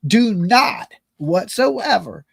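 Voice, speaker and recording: A man with a high voice hosts a casual livestream show. He speaks in slangy, folksy language and jokes at his own expense as he delivers his commentary. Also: very animated, extremely slow, vocal fry, fairly bright tone, breathy edge. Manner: folksy, joking, self-deprecating, slangy. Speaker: host of a live true-crime commentary and call-in show.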